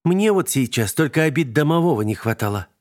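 A man's voice: a little high, lively intonation, brisk, pitched above the performer's own voice, close to an everyday voice. A man voicing a stern, irritable mother who scolds and grumbles in a storybook reading. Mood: exasperated. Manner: sharp, scolding, sarcastic.

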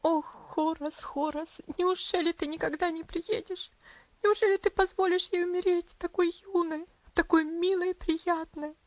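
A woman's voice: high-pitched, moderate pace, a little mellow, no echo, highs cut off. A woman doing a tender, tearful young aunt. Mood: lamenting. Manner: trembling, soothing, tearful.

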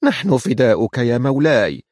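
A man voicing a scheming chess knight who flatters the king in a storybook reading. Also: medium pitch, a little fast, no echo, clean studio sound. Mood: fawning. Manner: fawning, sly.

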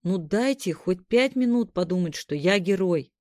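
A woman's voice: expressive, normal speed, dry recording, natural voice. A woman doing a griping young fighter. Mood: grumbling. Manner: high, loud, exasperated. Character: young male fighter Max, grumbling joker.

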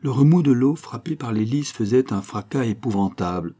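A man reading a novel aloud in a measured, expressive audiobook narration. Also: mid-range voice.

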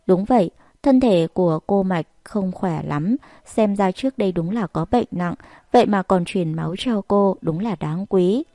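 A woman's voice: mid-range voice, animated, normal speed, warm tone, no echo, clean studio sound, natural voice. A woman voicing a curious, gossipy young female nurse who chats nosily, in a storybook reading. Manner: nosy, chatty.

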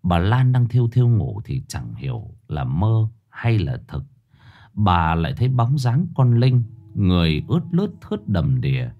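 A man narrating a ghost story in a dramatic, expressive way. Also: fairly low pitch. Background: soft background music.

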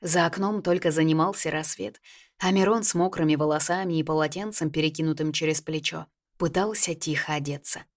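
A woman reading a first-person novel aloud as an audiobook, lively and expressive. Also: low-pitched, a little fast. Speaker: audiobook narrator.

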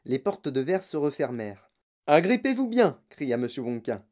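An audiobook narrator reading a children's story in a measured, expressive way. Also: medium pitch.

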